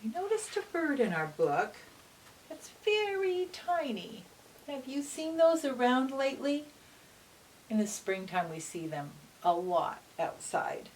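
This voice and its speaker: With a high, sing-song voice, a woman reads a picture book to small children in a soft, teacherly way, frequently pausing for questions. A faint hiss comes through the far-off microphone.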